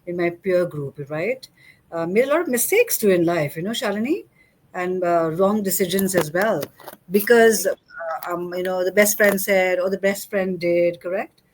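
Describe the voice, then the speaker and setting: A woman's voice: on the low side, normal speed, slight background noise. Chatty middle-aged woman hosting a talk. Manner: chatty, many fillers and restarts. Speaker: host. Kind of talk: casual interview chat.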